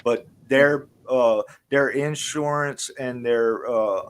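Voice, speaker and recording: A man's voice: medium pitch, slow, smooth. A man in a casual stream chat who talks emphatically and often ends his phrases with "man.". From Louisiana. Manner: emphatic, repeats "man", confident predictions.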